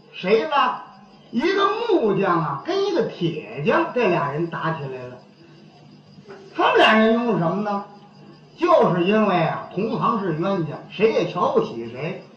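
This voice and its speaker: A man telling a comic monologue, chatty and animated, acting out people quarrelling. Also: high voice, slight background noise. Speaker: comic storyteller. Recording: dull echoey old recording.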